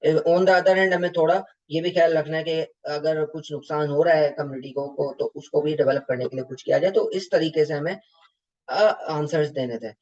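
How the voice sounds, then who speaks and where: A man's voice: fairly high pitch, fairly even intonation, moderate pace, darkish tone, lo-fi sound. A man, an exam tutor giving a recorded lecture that reviews mock exam answers and slips English terms into his explanations. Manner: explanatory, mixing English terms, asks students rhetorical questions.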